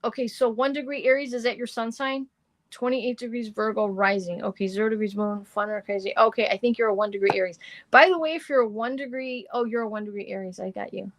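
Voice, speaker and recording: Speaking fast, a middle-aged woman does live tarot and astrology readings for viewers, chatty and rambling with frequent fillers. She has a slightly hoarse, deepened voice.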